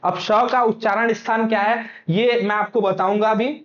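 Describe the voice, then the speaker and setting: High-voiced man teaching in an echoey room. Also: fairly even intonation, moderate pace. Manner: repetitive and coaxing, keeps asking and answering his own questions. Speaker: Hindi teacher. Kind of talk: exam-prep lesson. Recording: echoey room, dull lo-fi sound.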